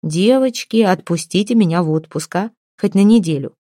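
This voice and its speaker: A woman reading aloud, voicing a warm, flustered middle-aged mother who soothes her family. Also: medium pitch, normal speed, no room sound, clean studio sound, lightly acted.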